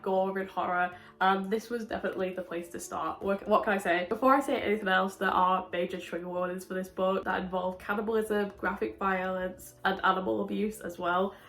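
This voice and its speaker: A woman's voice: mid-range voice, fairly bright tone. Sick woman, muffled as through glass. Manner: chatty, many likes, laughs often. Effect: muffled, as if talking through a window. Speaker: book reviewer. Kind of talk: casual chat. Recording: echoey room.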